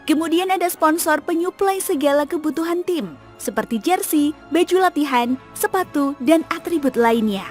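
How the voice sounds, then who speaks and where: A woman narrating a scripted football explainer in a steady, informative read-aloud delivery. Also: sits high, normal speed, soft background music.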